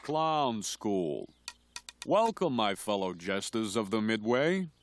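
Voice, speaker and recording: A man's voice: on the low side, sing-song, slow, slight background noise, heavily acted. A man voicing a theatrical clown instructor in a cartoon, grandly addressing his pupils like a midway showman. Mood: grandiose. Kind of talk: cartoon acting.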